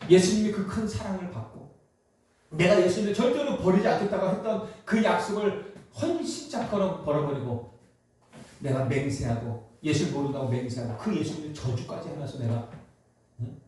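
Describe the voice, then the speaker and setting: A man preaching a Sunday sermon as pastor, telling the story with animated rhetorical questions. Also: on the high side, moderate pace, a little hiss or hum. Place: church sanctuary. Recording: very echoey church hall from a distant mic.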